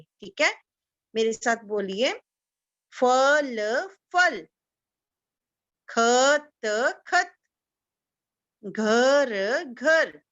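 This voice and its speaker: A woman teacher giving a slow, patient lesson to young children, repeating each word so they can echo it. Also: a little high, a bit bright, highs cut off. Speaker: kindergarten teacher.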